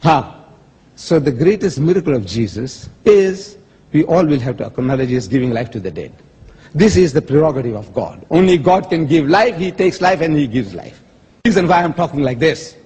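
A man with a husky, breathy voice pitched a little high argues his case in a public debate, repeating key phrases for emphasis. His words ring out with a long reverb, as if recorded in a large lecture hall. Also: animated, moderate pace, darkish tone.

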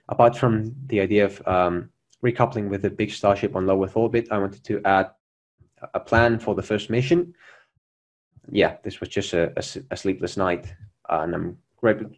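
A young man with a fairly low voice takes questions after his talk over a video call. He answers earnestly but haltingly, full of "uh" and "um" and restarted phrases. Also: highs cut off. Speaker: presenter of a Mars mission plan. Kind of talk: conference Q&A answers.

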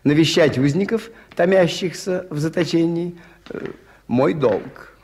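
A man's voice: fairly high pitch, measured pace, darkish tone. Father Brown, mild priest detective. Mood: wry, curious. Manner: polite, questioning. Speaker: radio drama actor. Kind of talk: 1980s Soviet radio theatre acting.

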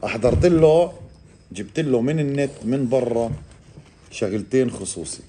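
A man, casually explaining to viewers while calmly coaxing an animal, often in a hushed voice. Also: mid-range voice, moderate pace, slight background noise. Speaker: reptile keeper vlogger. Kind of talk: casual handheld animal vlog.

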